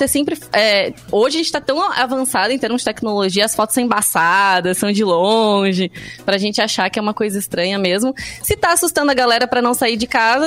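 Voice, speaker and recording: A woman's voice: a little high, fairly bright tone. A woman with a southern Brazilian Portuguese accent, hosting a casual chat and telling news and stories. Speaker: talk show host.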